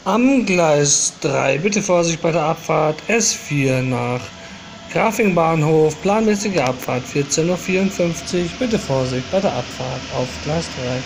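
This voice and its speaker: A man making flat, formulaic railway platform announcements over a station loudspeaker. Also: a little high, unhurried. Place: open-air railway platform, heard over the public address. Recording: outdoor station loudspeaker, loud ambient noise.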